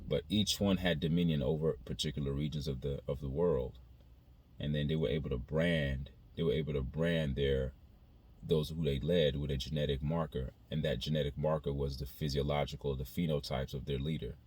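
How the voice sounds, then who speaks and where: Very deep-voiced man thinking aloud. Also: steady tone, darkish tone, slightly rough. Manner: halting, reflective, repeats phrases as he thinks aloud. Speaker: video creator. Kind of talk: casual spoken monologue to viewers.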